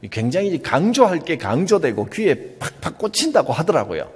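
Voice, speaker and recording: A man's voice: fairly high pitch, very animated, moderate pace, breathy edge. Man, pastor, Gyeongsang accent, sermon, emphatic, long church-hall reverb. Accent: Gyeongsang Korean. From Gyeongsang region, Korea. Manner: earnest, emphatic, with soft asides.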